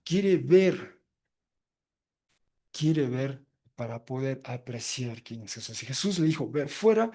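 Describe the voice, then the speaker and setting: A man preaching an expository sermon from the pulpit, lively and animated, often tagging his points with quick questions to the congregation. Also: medium pitch. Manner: lively, often tags phrases with "¿verdad?" and "¿ah?"; animated, swinging between loud emphasis and quiet asides. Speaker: pastor.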